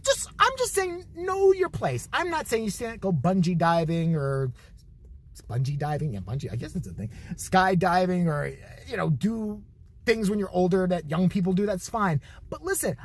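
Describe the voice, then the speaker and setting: A man's voice: high-pitched, very animated, normal speed. A man in his forties giving a rambling, profane comedic rant to camera. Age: 40s. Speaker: vlogger.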